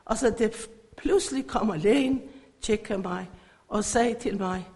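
A middle-aged woman from Iran, giving an emotional church faith testimony in halting phrasing. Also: medium pitch, darkish tone. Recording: echoey hall.

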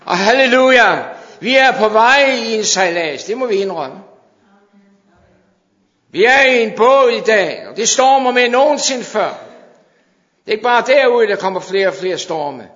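A man preaching a fervent sermon to his congregation, sometimes dropping to hushed intensity. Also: high-pitched, expressive. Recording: dull sound in a long-reverb hall.

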